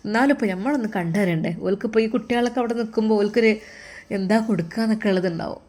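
A woman's voice: medium pitch, racing, darkish tone. A woman narrates a family story with a Malappuram Malayalam accent. Her telling is chatty and conversational, and she turns to the listener as she speaks.

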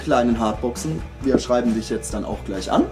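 A man's voice: mid-range voice, moderate pace, over music. A man in his thirties making a casual giveaway announcement as a channel host, chatting informally and directly to his viewers in a room at home.

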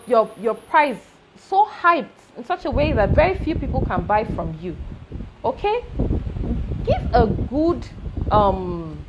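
Lively Nigerian woman business coach. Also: a little high, slight background noise, rough recording. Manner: emphatic, rising checks like "okay?". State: briefly choking. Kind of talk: motivational business talk.

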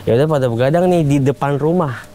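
A young man recounts a story in relaxed street slang. His voice is mellow and sits at a middle pitch, and he jumps into the quoted voices of the people in the tale. A faint hiss of room noise stays underneath him. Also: quick pace. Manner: animated retelling in casual Jakarta slang, acts out quoted voices. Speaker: guest storyteller. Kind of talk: casual storytelling.

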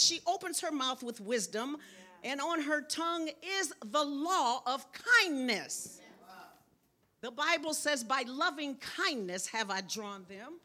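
An older woman preaching as a guest in church, lively with loud bursts of exclamation. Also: high-pitched. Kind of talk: sermon. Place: church sanctuary.

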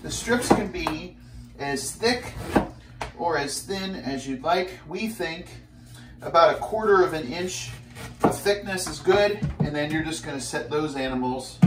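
The audio is very noisy: a fairly high-pitched man in his thirties, filmed from a few steps away on a camera mic, gives a lighthearted, energetic fitness cooking demo. His small home kitchen is echoey and his voice lands slightly off-mic.

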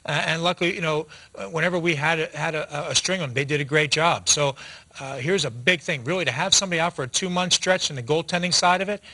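A man in his forties breaks down a hockey game from a TV studio desk. He talks quickly and keeps restarting his sentences as he gestures. His voice is bright and sits a little high for a man. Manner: fast, animated talk with restarts, gesturing with hands. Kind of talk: post-game analysis. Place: TV studio set.

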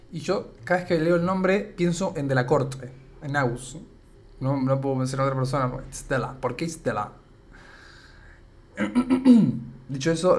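A young man with an Argentine accent, chatting casually on a live stream and reading comments aloud, his voice a bit worn out. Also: fairly high pitch. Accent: Argentine Spanish. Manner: chatty, rambling, reads chat aloud.

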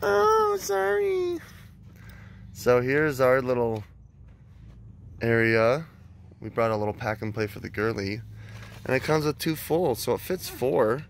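A man's voice: medium pitch, measured pace, long pauses, slight background noise. Groggy man vlogging a campground tour. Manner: chatty and upbeat, with loose fillers. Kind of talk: casual vlog walkthrough. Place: campground, outdoors and inside a tent.

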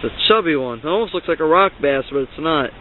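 Vlogging his ice fishing outing, a young Ohio man hands out gear tips in a quick, expressive, fairly high voice, upbeat and rambling. The casual outdoor clip comes from a handheld camera mic, with lo-fi, phone-like sound and slight background noise.

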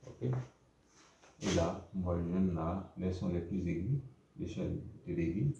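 A man's voice: low voice, steady tone, unhurried, creaky. A man with a Haitian accent giving a music lesson, repeating his points and checking in with "ok?". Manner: repetitive, checks in with "ok?". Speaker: music teacher. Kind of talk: classroom lesson. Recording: roomy, dull lo-fi recording with faint noise.

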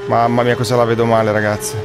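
A man giving casual sim racing commentary, his voice hoarse and worn after the flu, chatty with his viewers. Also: medium pitch, completely flat delivery, fast talker. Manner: chatty, addresses viewers as guys. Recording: faint music underneath.

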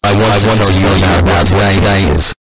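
A man voicing a mysterious country figure in a disguised deep voice, giving quiet, ominous warnings. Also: flat delivery, brisk, breathy edge, rough recording.

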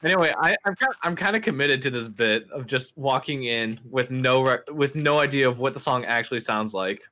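A man's voice: medium pitch, expressive, brisk, pushed and bright. A man joking around with friends over voice chat while gaming, playful and pushing a running gag. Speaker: friend playing the game.

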